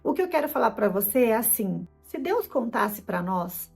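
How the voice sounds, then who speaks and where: A Brazilian woman with a Brazilian Portuguese accent, middle-aged, her voice pitched a little high, tells her faith story with feeling and slips into her own past words as she goes. Soft music plays faintly behind her. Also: big pitch swings, normal speed, gravelly, husky. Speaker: host giving a personal testimony. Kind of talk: emotional personal testimony.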